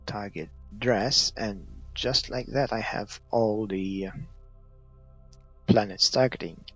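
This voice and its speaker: Slow, gravelly Maltese-accented man. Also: dry recording, faint music behind. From Malta. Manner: hesitant, thinking aloud, trailing off. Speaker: gaming video creator. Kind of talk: unscripted gameplay commentary. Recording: muffled, dull low-fidelity audio.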